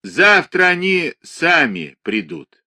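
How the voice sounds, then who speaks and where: A man voicing a rough, stubborn male hospital watchman who answers curtly and lectures in an audiobook reading. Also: a little high, very animated, slow pace, bright, forceful tone, dry recording, studio quality, voice pushed up, full character voice. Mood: lecturing. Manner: curt, lecturing.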